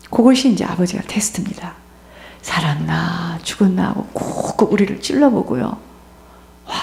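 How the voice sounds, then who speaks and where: A woman preaching a sermon in an animated storytelling way, acting out the voices of the people in her stories. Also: medium pitch. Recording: echoey room.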